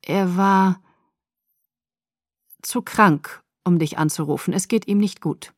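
A woman voicing a guarded older man who speaks in a flat, reserved tone, in a storybook reading. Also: fairly low pitch, slow pace, dry recording, studio quality.

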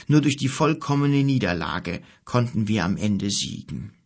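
A solemn old wizard from a storybook, speaking slowly and gravely in a low, husky voice, as a male narrator puts him on. He sounds calm, patient and deliberate. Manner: slow, solemn, measured.

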